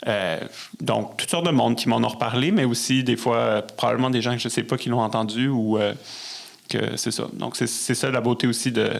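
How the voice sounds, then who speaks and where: Here a gravelly, mid-range male voice moves at a brisk pace. The speaker, a Québécois-accented musician and storyteller, is a guest in a casual podcast interview, where he's reflective and somewhat hesitant.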